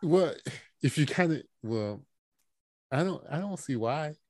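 A man's voice: fairly high pitch, expressive, unhurried, no room sound. A man co-hosting a podcast, chatting casually and making his points earnestly. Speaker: podcast co-host.

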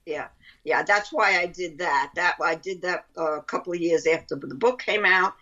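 A woman's voice: on the low side, moderate pace, sharp tone. Brooklyn-accented woman on a dull lo-fi line. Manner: rambling, repeats phrases. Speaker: interview guest, author. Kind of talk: casual chat.

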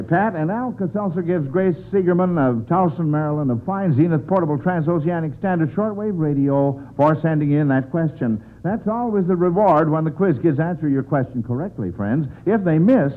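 An American man hosting a quiz in the style of a 1940s radio announcer, on an old broadcast recording. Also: a little high. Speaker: quiz show host. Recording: tinny band-limited old radio recording.

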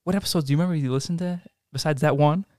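A man's voice: on the high side, very fast, darkish tone, no room sound. Joking male podcast host, dry studio sound. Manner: loose, joking, swears freely. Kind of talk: casual podcast chat.

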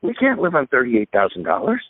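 A man's voice: medium pitch, huge pitch swings, a little fast, slightly rough, dry recording, pitched above the performer's own voice, full character voice. A man voicing a shocked, indignant widowed woman in a story he tells. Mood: indignant disbelief. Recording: dry tinny phone line.

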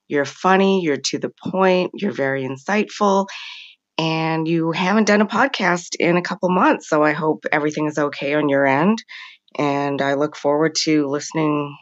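A woman leaving a casual, chatty and complimentary recorded voice message for a podcast host, played back on the show. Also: deep voice. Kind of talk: casual voice memo. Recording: dull lo-fi voice memo.

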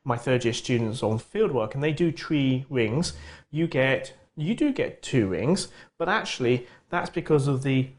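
Middle-aged man, professor type, lectures in quick bursts, voice of middling pitch. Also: animated. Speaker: geography professor, interview guest. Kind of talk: conversational expert explanation.

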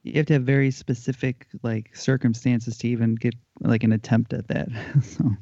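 A man with a creaky, mellow voice chats casually as a trivia panelist. The sound is very dry and a bit dull. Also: medium pitch, flat delivery, moderate pace, no room sound. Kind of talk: casual chat.

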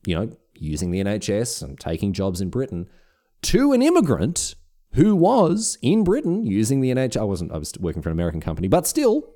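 An Australian man chatting on a podcast, his pitch sitting low but swinging widely as he tells a story. He restarts and repeats words as he goes, easygoing and conversational. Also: a little fast. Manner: animated storyteller, many restarts. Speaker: podcast co-host. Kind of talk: casual chat.

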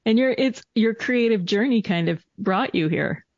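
A woman co-hosting a podcast, chatting casually and quick to laugh and agree. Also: a little high, expressive, darkish tone, dry recording. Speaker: podcast co-host. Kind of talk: casual chat. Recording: dull lo-fi sound with faint music.

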